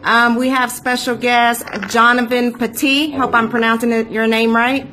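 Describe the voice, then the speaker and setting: A woman's voice: a little high, little pitch movement, normal speed, pushed and bright, a little hiss or hum. A woman hosting a casual live-streamed interview, chatty and upbeat, with many filler ums. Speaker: host.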